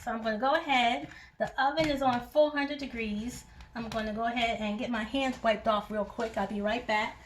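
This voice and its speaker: Woman host, somewhat high voice, casual homey cooking walkthrough, faint kitchen hum behind. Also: steady tone, moderate pace. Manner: chatty and homey, talks viewers through each step. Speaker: home cooking channel host. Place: home kitchen.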